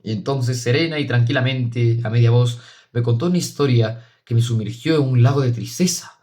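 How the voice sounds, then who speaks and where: A man narrating a literary audiobook in a measured, solemn, expressive reading. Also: mid-range voice.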